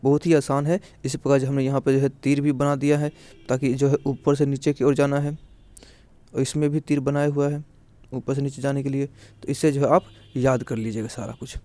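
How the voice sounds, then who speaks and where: A man's voice: mid-range voice, little pitch movement, brisk, warm tone, no echo. A man teaching a grammar lesson, explaining step by step in a repetitive way, often asking and answering his own questions. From India.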